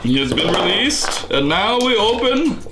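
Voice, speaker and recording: A man's voice: sits high, very animated, a little slow, echoey room, noisy background. A man hosting a casual comedic candy review, talking in a mock-dramatic, exaggerated way as he eats and tastes sour candy. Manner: eating and tasting sour candy while talking. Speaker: host of a candy taste test.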